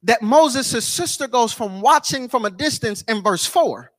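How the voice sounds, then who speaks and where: A man's voice: very high voice, animated, unhurried, a bit bright, no echo. A man preaching a sermon in church, repeating his lines in a rhythmic build and sometimes breaking into a sung chant. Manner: repetitive, rhythmic preaching with call-outs to the congregation.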